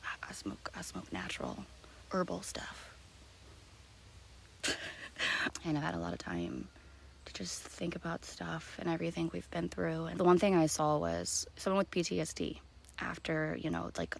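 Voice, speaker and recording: Woman, low voice, gravelly, rambling casual vlog talk, soft and half-whispered, outdoors. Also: expressive, brisk, slight background noise. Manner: rambling and filler-heavy. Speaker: vlogger. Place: outdoors in the woods.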